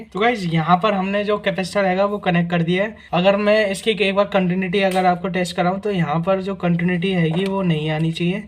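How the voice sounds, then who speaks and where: A man hosting a repair tutorial, walking through each test step by step and often checking in with "guys" and "theek hai na". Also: sits high. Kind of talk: casual hands-on repair demonstration.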